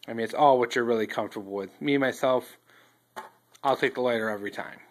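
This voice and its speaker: A man casually reviewing outdoor fire starters, talking in a relaxed, rambling way with many ums and restarts, recorded on a phone he holds while filming a tabletop indoors. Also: mid-range voice, fast, slight background noise. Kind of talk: casual show-and-tell review. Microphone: handheld phone filming table close up.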